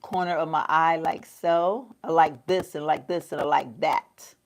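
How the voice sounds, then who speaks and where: A low-pitched woman with fairly even intonation and an unhurried delivery does her makeup on a get-ready-with-me livestream at home. Middle-aged and a beauty vlogger, she chats easily, laughs a lot, and calls everyone y'all.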